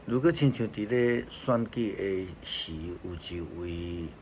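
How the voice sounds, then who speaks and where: Slow, low-voiced Taiwanese Hokkien pastor. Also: male voice, a little hiss or hum. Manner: calm, measured storytelling. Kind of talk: Taiwanese Hokkien devotional sermon.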